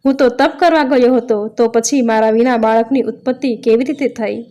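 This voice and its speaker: A woman's voice: on the high side, fairly even intonation, normal speed, warm tone, highs cut off, close to an everyday voice. A woman voicing a stern, wrathful male god in a told religious story, speaking in a reproachful, commanding way. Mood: angry.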